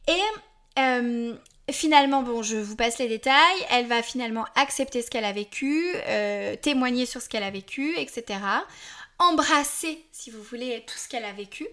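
A woman in her forties hosts a podcast, casually and candidly addressing listeners, full of asides and self-deprecating apologies. She sounds animated, bright, and forceful, with a higher voice and a moderate pace.

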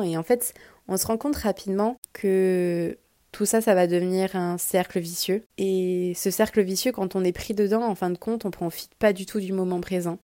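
A young woman talks alone into a close microphone, thinking aloud on her podcast. Her voice is mellow and soft-edged, and she circles back and restarts often. The sound is dry, with no room around it. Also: mid-range voice, dry recording. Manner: rambling, reflective, many restarts and fillers. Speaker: podcast host. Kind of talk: solo podcast monologue.

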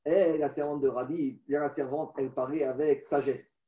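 A man's voice: fairly high pitch, steady tone, moderate pace, dark tone. A man teaching a text study class, chanting text passages aloud and then explaining them with little stories. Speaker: religious teacher. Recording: roomy, distant, dull recording.

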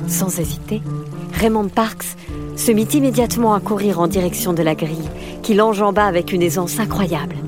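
A woman reading a children's storybook aloud in a measured, expressive way. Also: medium pitch, music in the background. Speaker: narrator. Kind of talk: storybook narration.

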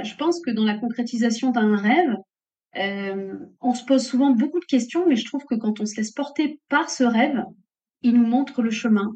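A woman's voice: a little high, a little mellow. A middle-aged woman entrepreneur speaking reflectively and earnestly as an interview guest. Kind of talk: casual interview conversation. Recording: muffled lo-fi audio.

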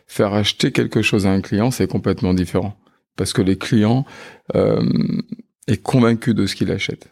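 A man's voice: on the low side, creaky, a little mellow. A man in his fifties, a funeral home manager, chatting in an interview with many hesitant filler sounds. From France. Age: 50s. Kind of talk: casual interview chat.

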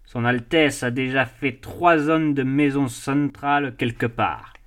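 Give me a jovial, mocking sea captain, worldly and amused, as a male storyteller puts him on, slow and unhurried. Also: mid-range voice, fairly even intonation, natural voice.

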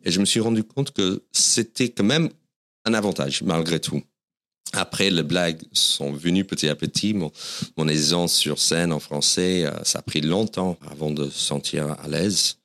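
A man's voice: sits low, moderate pace, a bit bright. A man with an American accent, whose first language is English, speaking French as a comedian guest on an interview podcast and telling his stories in a self-deprecating way. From United States.

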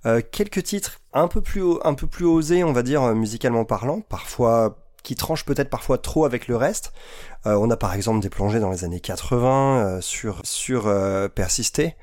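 A man co-hosting a music show gives his views slowly and carefully. He often pauses and fills gaps while he searches for the right word, and his voice sits at a middle pitch. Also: lively intonation, a little mellow. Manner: thoughtful, searching for words with many fillers. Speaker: co-host. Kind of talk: casual chat on a music show.

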